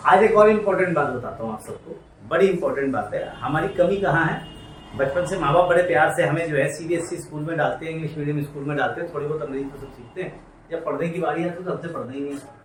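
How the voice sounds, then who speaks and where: A man's voice: a little high, quick pace. A man teaching accounting to a class, drilling students to repeat entries and scolding them in a familiar, coaxing way. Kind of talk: classroom lecture. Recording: echoey room, distant mic, faint noise.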